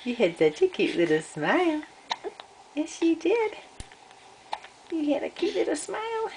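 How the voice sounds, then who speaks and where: A woman's voice: high voice, huge pitch swings, measured pace. An older woman, a grandmother, coaxing a baby in repetitive sing-song baby talk while filming at home. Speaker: grandmother babysitting. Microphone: camcorder mic. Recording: noisy home camcorder audio.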